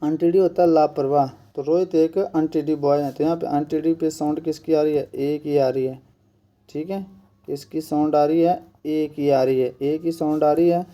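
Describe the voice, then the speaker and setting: Guy teaching grammar for an exam, very mellow dark tone, a bit higher pitch, asks and answers his own questions. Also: fairly even intonation. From India. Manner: repeats each point slowly. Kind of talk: exam-prep grammar lesson.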